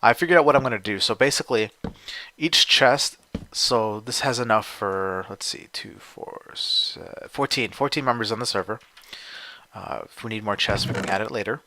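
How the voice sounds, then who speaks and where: A man's voice: lowish voice, moderate pace, pushed and bright, a little hiss or hum. A young man casually commentating as he builds in a video game, rambling and thinking aloud with frequent fillers. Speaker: gameplay video host.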